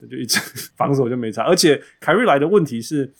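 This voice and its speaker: Male podcast host, Taiwanese accent, gravelly fry, casual code-switching into English, repeats himself for emphasis. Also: medium pitch, expressive, quick pace. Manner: switches between Mandarin and English mid-sentence. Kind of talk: casual sports chat.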